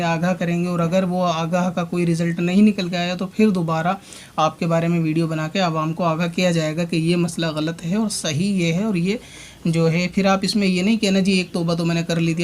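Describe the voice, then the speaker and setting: His voice high and a little mellow, the religious online commentator talks directly to his opponent in a drawn-out rebuttal, explaining at length and circling back to the same points.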